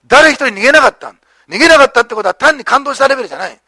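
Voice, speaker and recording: A male pastor preaching a sermon with animated storytelling, acting out the lines of the people in the story. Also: extremely high pitch, very fast, no echo.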